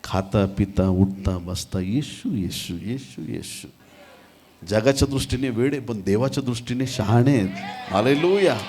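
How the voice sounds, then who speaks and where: A man preaching a sermon as pastor, moving from quiet storytelling to loud, shouted praise and calls of hallelujah. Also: medium pitch.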